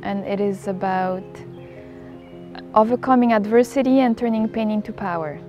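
A woman's voice: medium pitch, moderate pace, muffled recording. A woman from Poland speaking candidly in an interview while seated in a garden. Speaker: podcast host, interviewee. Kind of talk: interview talk. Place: garden, outdoors. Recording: faint music under the voice. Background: music.

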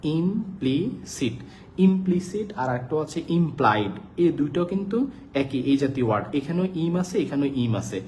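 A man's voice: a little high, expressive, moderate pace, darkish tone, slight background noise. A man teaching vocabulary in a live online lesson, repeating words and their meanings over and over and asking his students check questions. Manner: repetitive drilling of words and meanings.

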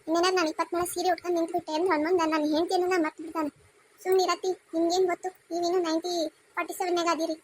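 A woman's voice: extremely high pitch, little pitch movement, rapid-fire, darkish tone, slight background noise. Woman playing a pleading young daughter-in-law. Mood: defiant. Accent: North Karnataka Kannada. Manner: pleading, polite.

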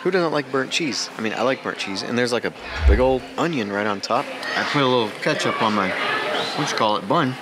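A food vlogger in his forties eagerly chats and narrates while eating, holding the camera close, first in an indoor restaurant and later on an outdoor beach. His medium-pitched voice is expressive and a little fast, set against a very noisy crowd.

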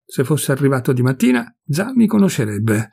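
A man's voice: medium pitch, very animated, moderate pace, vocal fry, a little mellow, breathy edge, heavily acted. A man voicing a fat, jovial man in his fifties who gossips and confides, pleased with himself, in a storybook reading. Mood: chatty.

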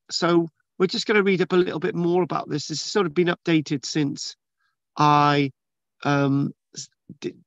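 A man's voice: fairly high pitch, a bit bright, dry recording, muffled recording. A man reading news articles aloud and commenting in a rambling, casual way, with many restarts and fillers. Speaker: channel host reading and discussing archaeology news. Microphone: video call screen share.

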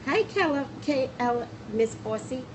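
A middle-aged woman hosts a psychic livestream from a small room against a plain wall, filmed on a phone at arm's length, chatting casually in a rambling way that trails off and restarts. Her voice is high-pitched and lively, a little slow, with background noise.

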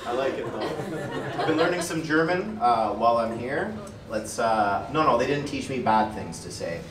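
Canadian comedian working a loud club crowd. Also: male voice, mid-range voice, animated, normal speed. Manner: swearing, laid-back and laughing between lines. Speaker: stand-up comedian. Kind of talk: stand-up crowd work. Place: underground club before a live crowd. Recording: roomy club sound from a distance, loud crowd and noise. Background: laughing audience.

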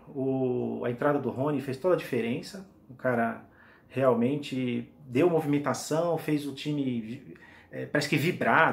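A man in his forties from Brazil talks straight to the camera about his team's goals. He is eager and rambling, with lots of restarts and "right?" tags, and his voice sits at an ordinary middle pitch. He is recorded in a small indoor room by a camera at desk distance. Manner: enthusiastic, rambling with many restarts and tag questions. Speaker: football fan vlogger. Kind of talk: casual fan commentary to camera.

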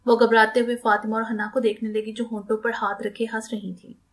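Woman, audiobook narrator, steady storytelling, slightly high voice. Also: brisk.

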